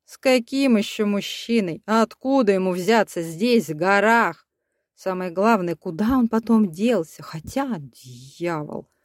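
A woman's voice: mid-range voice, expressive, unhurried, no room sound, natural voice. Woman doing a cruel baron, sneering, menacing, audiobook villain, dry sound. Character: cruel scheming German baron, adult man.

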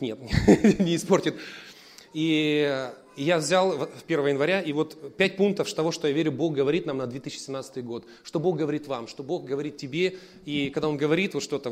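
Man, pastor, sermon, rapid delivery, slightly high voice, lively storytelling with loud and hushed turns. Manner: lively storytelling, shifts between loud emphasis and quiet asides.

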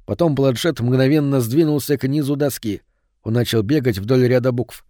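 Male audiobook narrator, steady and measured, warm dark tone, dry. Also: mid-range voice, no room sound. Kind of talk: audiobook reading.

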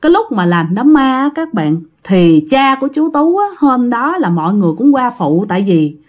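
A woman's voice: on the high side, very animated, normal speed, a little mellow. A woman telling a ghost story to her listeners in a chatty, dramatic way with many fillers.

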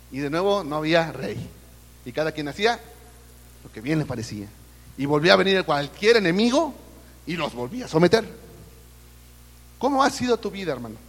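With a fairly bright tone on the high side, a Mexican man preaches at a church service in a Mexican Spanish accent. The sound is that of a big room, and he addresses listeners as brother while asking the congregation questions.

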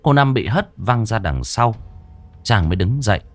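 A man narrating a horror story in a dramatic, expressive storytelling manner. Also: fairly low pitch, normal speed, dry recording.

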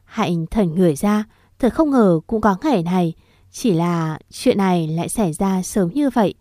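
A woman narrating a story in a steady, gentle reading voice. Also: fairly low pitch, moderate pace, dry recording, clean studio sound.

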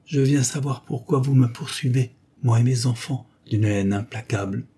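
A man's voice: mid-range voice, moderate pace, mellow, husky, voice pushed up, lightly acted. A man reading the part of a grieving, proud duchess who speaks in a muffled but sharply stressed, defensive way. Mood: grave. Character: grieving proud noblewoman, a duchess, middle-aged. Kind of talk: audiobook dialogue reading.

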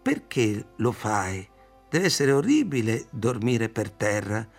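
A man's voice: lowish voice, sing-song, slow, slightly rough, soft background music, heavily acted. A male reader voicing an impulsive young man, drunk and pleading in an insistent way.

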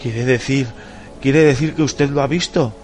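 A male audiobook reader voicing a terrified airline passenger who pleads and shouts, his voice pushed high and loud. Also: a little slow, faint music behind, close to an everyday voice. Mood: frantic.

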